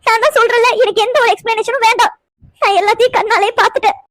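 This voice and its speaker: A woman's voice: very high voice, fairly even intonation, rapid-fire, a bit bright, no echo, clean studio sound. A woman voicing a young cartoon woman who is hurt and angry with her lover, pressing him with accusing questions. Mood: upset. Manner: accusing, tearful, insistent questions. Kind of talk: cartoon voice acting.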